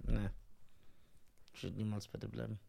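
A man's voice: fairly low pitch, level tone, normal speed, creaky, dark tone, husky. A man co-hosting a casual podcast, joking and laughing with short replies. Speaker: podcast co-host.

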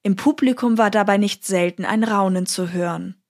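A woman narrates a historical account with calm, measured delivery. Her voice sits at an ordinary middle pitch. It is scripted storytelling.

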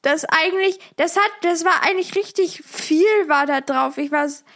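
A woman's voice: very high-pitched, moderate pace, fairly bright tone. A young woman chatting casually with her parents on a podcast, teasing and hesitating with many restarts. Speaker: podcast co-host, daughter. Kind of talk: casual family chat.

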